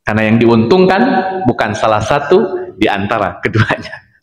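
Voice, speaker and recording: A man's voice: on the low side, moderate pace, reverberant, in a large hall. A man preaching a study session in a mosque, telling stories with acted-out dialogue and often addressing the audience directly. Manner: lively storyteller addressing men as "Pak", acting out dialogue. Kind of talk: mosque study lecture, storytelling. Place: mosque hall.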